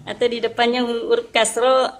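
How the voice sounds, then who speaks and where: A woman's voice: a little high, flat delivery, moderate pace. A woman with an Indonesian accent, an adult student in a recitation class, answering her teacher hesitantly and reciting verses. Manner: hesitant, deferential, says "Ustaz" often.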